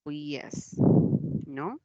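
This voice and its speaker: A woman teacher with a Peruvian Spanish accent walks her online class through each point slowly and patiently, often checking that they follow. Her voice sits on the low side. The sound is dry and close, though dull and lo-fi. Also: expressive, darkish tone, dry recording. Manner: patient, explains step by step, checks with "¿ya?". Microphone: computer mic in a video class.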